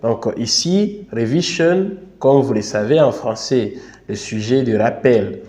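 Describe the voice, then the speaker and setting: A man with a Congolese French accent explains a lesson plan step by step, slowly and with a dark, mellow voice. He repeats himself often and checks in with "n'est-ce pas". He modestly admits he does not speak the language he is teaching about. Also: mid-range voice. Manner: slow and repetitive, tags phrases with "n'est-ce pas"; self-deprecating, apologises for his English. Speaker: teacher and online tutor. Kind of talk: instructional screen tutorial.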